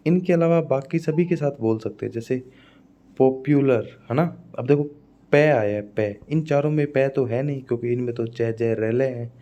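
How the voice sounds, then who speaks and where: A man's voice: mid-range voice, dark tone, muffled recording. A male English teacher with a Rajasthani Hindi accent, giving an exam-prep phonetics lesson and repeating each word with "है ना" checks. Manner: explains by repeating words and asking "है ना".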